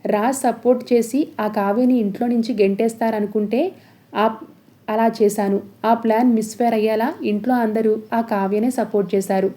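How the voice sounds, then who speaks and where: Scheming middle-aged villainess, sly and defensive, mellow voice, read by a woman. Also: fairly high pitch, steady tone, moderate pace, lightly acted.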